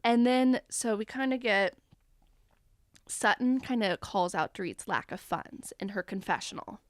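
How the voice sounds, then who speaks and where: A woman co-hosting a casual podcast, gushing through TV recaps in a bubbly, quick way. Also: mid-range voice, no room sound, clean studio sound. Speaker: co-host.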